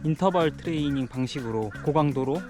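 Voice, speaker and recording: A man's voice: on the high side, a little fast, music in the background. A man talking while running, explaining things casually as a fitness vlogger. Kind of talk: casual explanatory vlog talk. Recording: outdoor street and traffic noise.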